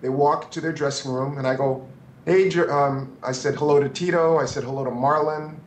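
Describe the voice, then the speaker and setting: A man in his fifties, a photographer telling stories as an interview guest, animated and prone to restarts. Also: medium pitch, fairly quick, reverberant, a little hiss or hum, rough recording. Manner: animated, restarts and acts out quotes. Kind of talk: anecdotal interview storytelling.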